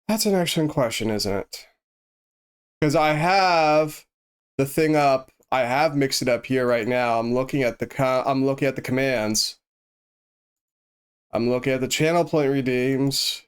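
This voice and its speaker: While playing on a live stream, this man talks with viewers in a relaxed, meandering style, thinking out loud and frequently starting over. His medium-pitched voice is unhurried, clear, and resonant, yet congested and slightly sniffly.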